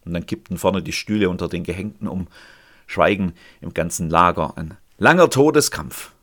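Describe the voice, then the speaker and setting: Guy giving a sermon, kinda low voice, goes big and loud then drops to a near whisper. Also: lively intonation, normal speed. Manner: dramatic swings between loud cries and hushed, near-whispered lines. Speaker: preacher.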